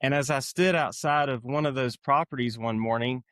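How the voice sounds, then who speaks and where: A man's voice: medium pitch, moderate pace, fairly bright tone, smooth, no room sound, studio quality. A middle-aged man with an Appalachian accent, telling his own story reflectively as a podcast guest. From eastern Kentucky, United States. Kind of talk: reflective personal storytelling in an interview.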